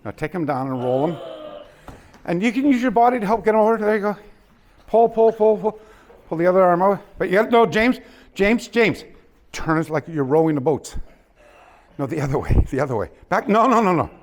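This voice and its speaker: A man teaching a hands-on martial arts class in a dojo, coaching students with quick commands and laughter. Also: high-pitched, lively intonation, darkish tone. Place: dojo hall.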